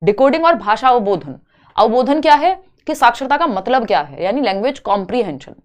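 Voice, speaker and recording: A woman's voice: fairly high pitch, very animated, a little fast. A woman teaching an online exam-prep lesson, explaining each option step by step with rhetorical questions and English terms mixed in. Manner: mixes English terms into Hindi.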